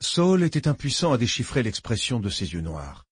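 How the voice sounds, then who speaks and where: A man reading a novel aloud as narrator, in a measured, solemn way. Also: medium pitch, very animated, husky, no room sound. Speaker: audiobook narrator. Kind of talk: audiobook narration.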